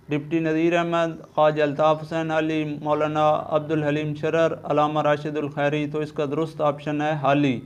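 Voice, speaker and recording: A man with a Urdu-speaking Pakistani accent, reading exam questions and answer options one by one and then naming the right answer, in a steady, methodical way. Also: a little high, clean tone. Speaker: exam-prep teacher.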